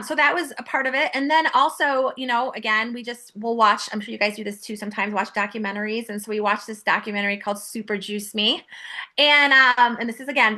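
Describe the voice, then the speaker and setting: A woman in her forties talks as a podcast guest, animated and chatty, full of fillers as she goes. Her voice is bright and sits fairly high. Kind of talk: casual interview chat.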